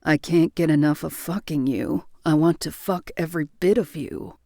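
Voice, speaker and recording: A woman's voice: deep voice, moderate pace, dark tone, no echo, clean studio sound, voice pushed down. A woman doing a stoic, possessive lover man. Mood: lustful. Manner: terse, insistent lines. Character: stoic, possessive grown man, gruff with desire.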